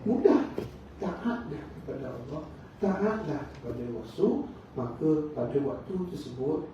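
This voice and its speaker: A man's voice: a little high, big pitch swings, measured pace, noisy background. A male religious teacher with a Malaysian Malay accent gives a mosque lecture, telling stories, acting out the dialogue and checking with the crowd. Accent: Malaysian Malay, Negeri Sembilan. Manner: storytelling, acts out dialogue, asks the crowd "kan?". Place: mosque hall. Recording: echoey room from far off, dull.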